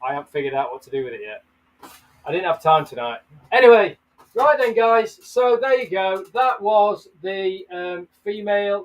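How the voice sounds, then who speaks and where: A man with a high-pitched voice hosts a casual livestream, chatting and greeting viewers by name. The poor audio sounds like it was recorded from a distance.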